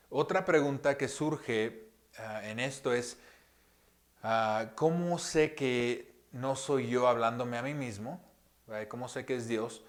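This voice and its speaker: A man giving a conversational sermon as pastor, speaking gently with many pauses, fillers and rhetorical questions, often dropping to a hushed voice. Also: mid-range voice. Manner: drops to a hushed soft voice often. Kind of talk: sermon teaching.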